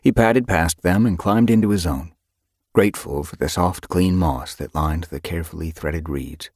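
A man narrating an audiobook with expressive, animated storytelling. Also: low-pitched, moderate pace, no echo, studio quality.

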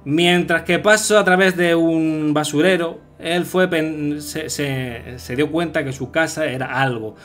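A man's voice: on the high side, fairly bright tone. A man streaming a game live, translating its text on the fly in a loose, rambling way full of fillers. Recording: music playing behind.

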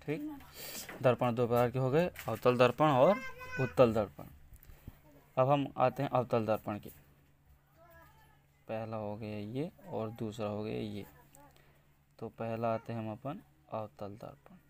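A man from India teaching an exam-prep lesson, talking slowly and repeating key words as he writes them out. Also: mid-range voice, fairly even intonation, a little mellow. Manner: slow, repeats key words while writing.

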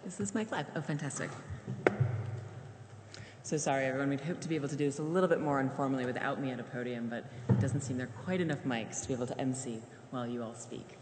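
A woman emceeing a question session, brisk, organized and a little apologetic. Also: extremely low pitch. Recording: echoey hall with light noise.

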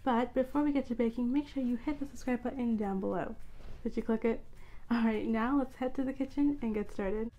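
A woman's voice: fairly high pitch, a little fast, mellow, lo-fi sound. A young woman hosting her own cooking channel, talking viewers through an easy recipe step by step in an upbeat, chatty way. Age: young adult. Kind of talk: friendly recipe tutorial. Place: indoor room at home.

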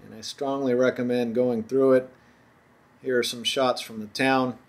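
A man's voice: mid-range voice, moderate pace. Man narrating a road-trip voice-over. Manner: relaxed, chatty tour-guide narration. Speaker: travel vlogger narrating.

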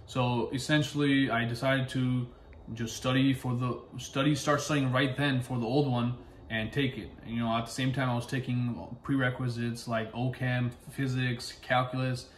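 Seated in his living room facing the camera, a young medical resident vlogger tells his own story in a relaxed way, using lots of fillers and gesturing with his hands. Originally from Pakistan and raised in the United States, he speaks at normal speed in a mid-range voice. The room is echoey, with slight background noise.

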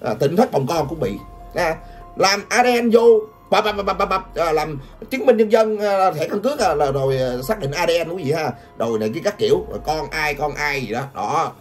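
Older woman, taunting gossip vlog, very lively pitch. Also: fairly quick. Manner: taunting, laughs often, addresses viewers constantly. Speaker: gossip vlogger. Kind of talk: mocking gossip commentary. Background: background music.

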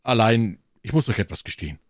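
A man's voice: on the low side, animated, fairly quick, dry recording, studio quality. A man reading an audiobook and voicing a boastful, pleasure-loving male musketeer laid up in bed, blustering and grand.

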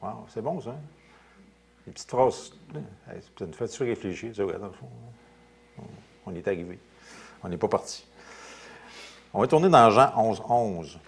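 A male pastor with a Quebec French accent preaching a sermon, reading scripture aloud and commenting in quieter, casual asides. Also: lowish voice, moderate pace, vocal fry, long pauses. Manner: lively preaching, rising loud on scripture then dropping to quiet asides.

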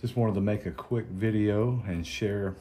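Deep-voiced Southern male host, slow and halting, casual chat. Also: warm tone, slight background noise. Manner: unhurried, halting with many ums and restarts. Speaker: cigar channel host.

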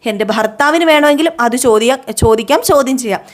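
A woman recapping a serial gives voice to a haughty mother-in-law who scolds and sneers at everyone in her path. She talks down with open contempt, in a voice that sits a little high and clear. The delivery stays close to the storyteller's own voice. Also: brisk, lightly acted. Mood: scornful. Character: haughty scornful middle-aged mother-in-law.

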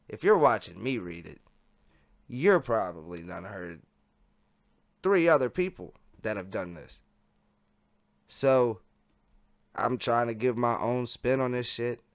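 A man reading chat logs aloud in a casual, unedited way, breaking off to ramble and mock himself, swearing a lot. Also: fairly low pitch.

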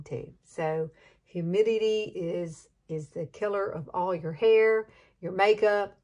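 A mid-range, darkish female voice belongs to a Southern-accented beauty vlogger from Alabama in her late fifties. Chatty and gushing, she drawls and laughs through a folksy, casual hair tutorial.

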